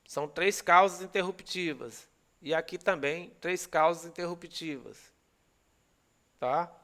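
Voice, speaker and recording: A man's voice: a little high, measured pace, a bit bright. A man with a Brazilian accent giving a recorded law lecture, explaining step by step and checking in with students often. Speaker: law teacher.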